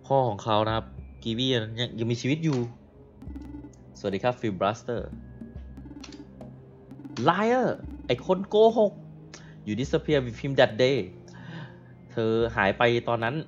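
A man from Thailand on a live game stream, reading dialogue slowly and deliberately, then translating it with polite particles. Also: mid-range voice. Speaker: gaming streamer. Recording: dull lo-fi stream audio. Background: game music.

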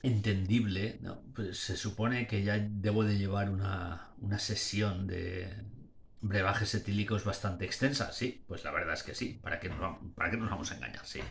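A man's voice: deep voice, fairly even intonation, normal speed, creaky, slight background noise. Rambling tipsy man reviewing a beer. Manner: slurred, rambling speech with restarts, playing up drunkenness. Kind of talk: casual video review. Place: small dim room indoors. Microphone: webcam or phone at arm's length.

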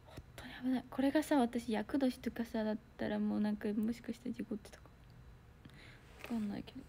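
A young woman chatting casually on a solo livestream, reading viewer comments and telling a story with loud outbursts and hushed asides. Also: fairly high pitch, fairly even intonation, fairly quick, creaky, slight background noise. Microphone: phone or computer mic on a solo livestream.

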